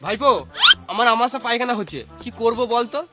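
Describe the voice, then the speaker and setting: An actor playing a hapless, plaintive village uncle in a comedy skit. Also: male voice, very high voice, quick pace. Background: loud music.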